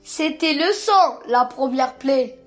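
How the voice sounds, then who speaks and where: Guy doing squeaky little schoolkids in a kids story, super high and eager. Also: expressive, slow pace, fairly bright tone, soft background music, full character voice. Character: eager young schoolchildren, boys, excited and curious. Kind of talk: storybook character voice.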